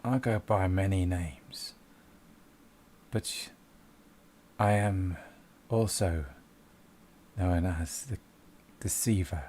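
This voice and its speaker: A man voicing a sinister, seductive spirit in an ASMR role-play, speaking in a dark, slow soft voice from the darkness. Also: sits low, a little hiss or hum, pitched below the performer's own voice. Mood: grandiose, seductive. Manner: dark, slow soft-spoken, as if from behind the listener.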